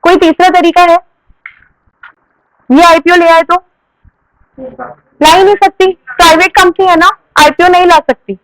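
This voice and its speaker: High-voiced woman teaching a class. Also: steady tone, unhurried, long pauses, a bit bright, dry recording, low-quality recording. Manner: asks questions and answers them herself, scolds students firmly. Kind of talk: classroom lecture.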